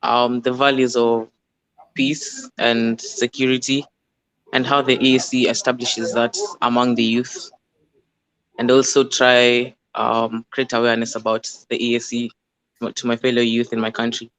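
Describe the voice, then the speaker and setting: A man's voice: mid-range voice, completely flat delivery, a little slow, a bit bright, low-quality recording. An eighteen-year-old man from Kenya, a youth delegate, answering hesitantly. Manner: hesitant, unsure.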